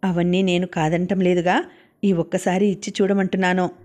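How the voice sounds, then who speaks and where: Pushy young husband, a woman doing his lines, pressing and flat. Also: fairly low pitch, a little fast, close to an everyday voice. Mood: insistent. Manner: insistent, pressing. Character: pleading, then angry young husband.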